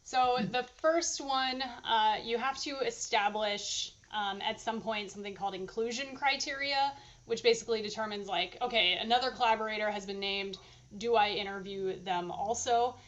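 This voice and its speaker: A woman's voice: fairly high pitch, moderate pace, fairly bright tone, muffled recording. A woman answering questions at her dissertation defense, thinking aloud in a hesitant, hedging, informal academic way.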